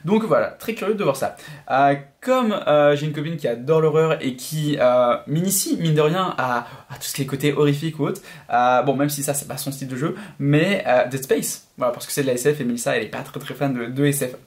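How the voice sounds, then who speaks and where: A man's voice: a little high, brisk. A young man talking casually and enthusiastically in a vlog, rambling with many fillers and restarts. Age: young adult. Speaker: YouTuber.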